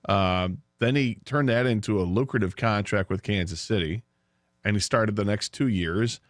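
Speaking at normal speed with a voice on the low side, an American man co-hosts a sports radio show in relaxed discussion. A studio broadcast mic gives a dry recording.

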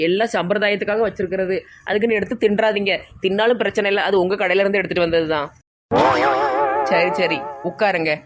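A woman's voice: medium pitch, steady tone, racing, hardly any pauses, soft background music. A woman with a Tirunelveli Tamil accent in a village comedy skit, bossy and showy. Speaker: comedy sketch actor.

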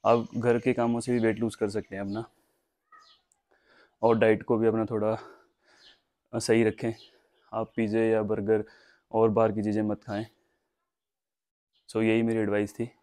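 Flat-voiced young man vlogging at home. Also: lowish voice, a little slow, pauses often. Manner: casual, advising viewers directly. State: tired after heavy work. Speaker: fitness vlogger. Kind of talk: casual vlog chat to camera. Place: veranda of a house, covered, half outdoors.

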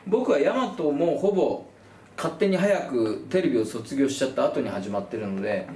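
A man hosting casual film talk, animated and jokey, whose own everyday speech is Kansai dialect. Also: moderate pace, echoey room. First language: Kansai dialect speaker. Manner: animated, jokey, lively pitch swings. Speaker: film commentary host.

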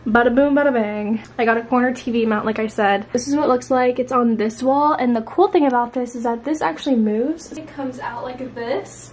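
A woman's voice: a little high, slight background noise. A young woman talking informally and chattily to viewers in a casual home vlog, recorded on a camera in a bedroom. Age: young adult. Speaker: vlogger. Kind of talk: casual room-makeover vlog chat. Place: bedroom indoors. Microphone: handheld or propped camera.

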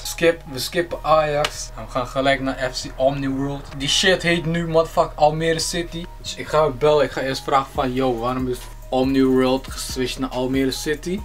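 Loud profane young man ranting. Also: fairly high pitch. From Netherlands. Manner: loud, profane, slangy, mixing English into Dutch. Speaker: vlogger. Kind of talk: angry rant and prank calls.

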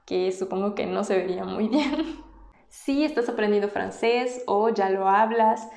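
A woman's voice: mid-range voice, vocal fry, a little mellow. Mexican woman explaining in a roomy room. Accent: Mexican Spanish. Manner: patient, demonstrates sounds slowly. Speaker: language vlogger. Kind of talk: casual explanatory vlog. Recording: roomy echo.

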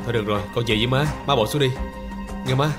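A man's voice: medium pitch, racing, over music, natural voice. A young man playing a son in a TV drama, pleading urgently with his mother. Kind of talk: TV drama acting.

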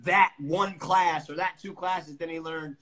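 A man's voice: on the high side, steady tone, unhurried, fairly bright tone, poor audio. A man joining a live stream as co-host, chatting in a loose, slangy, agreeable way over a video call. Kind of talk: casual live chat. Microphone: video call guest.

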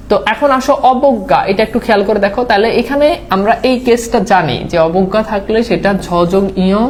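A woman teaching an online admission exam lesson over slides. She explains rules step by step, mixes in English words and keeps checking understanding with quick tag questions. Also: medium pitch.

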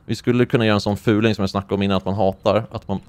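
A young man from Sweden commentating his own gameplay live, excitable and quick to yelp when something surprises him. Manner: excitable, swings into high-pitched yelps when surprised. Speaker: gaming streamer.

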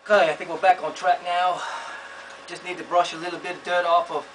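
A man's voice: high-pitched, flat delivery, brisk, a bit bright, recorded from a distance, a little hiss or hum, low-quality recording. A man hosting a mock repair demonstration in a bumbling, overconfident, know-it-all manner. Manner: bumbling, overconfident, falsely expert. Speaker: host of a parody repair video.

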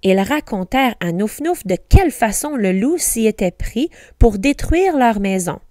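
Woman teacher reading a storybook aloud, slow and careful, lively and fairly high, close dry sound. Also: dry recording.

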